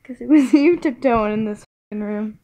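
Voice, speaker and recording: A woman's voice: on the high side, moderate pace, lo-fi sound, crowd noise. A woman at home chatting casually, giggling and protesting to her partner. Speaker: vlogger's partner. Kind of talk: casual chat. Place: at home, bedroom. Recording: noisy home vlog recording.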